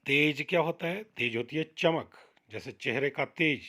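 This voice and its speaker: A man teaching a Hindi grammar lesson to children, sounding out each example word slowly and with emphasis. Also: a little high, pushed and bright. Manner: slow, drawn-out, emphatic pronunciation of example words; addresses children directly.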